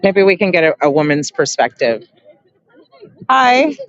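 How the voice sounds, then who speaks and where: A woman's voice: low-pitched, sing-song, a little slow, dry recording, dull audio. Chatty woman live-streaming outdoors. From Canada. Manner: chatty, lots of fillers and laughs. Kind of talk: casual street interviewing. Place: outdoor protest crowd.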